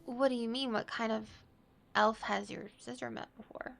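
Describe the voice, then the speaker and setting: A woman playing a friendly, slightly awkward elf adventurer in a tabletop game, speaking politely and haltingly. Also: on the high side, fairly even intonation, vocal fry, voice pushed down.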